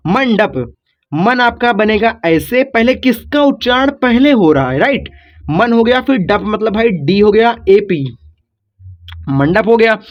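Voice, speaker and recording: Male teacher, high voice, patient and repetitive, muffled lo-fi recording. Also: animated, a little slow. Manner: patient, repetitive explaining, addresses viewers as kids. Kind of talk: classroom-style video lesson. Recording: dull lo-fi recording.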